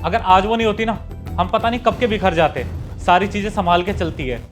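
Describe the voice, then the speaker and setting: A protective son-in-law, played by a man, firm and reproachful, with a fairly high voice. Faint music sits behind the dialogue. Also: a little fast, natural voice. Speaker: husband character. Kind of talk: family drama acting.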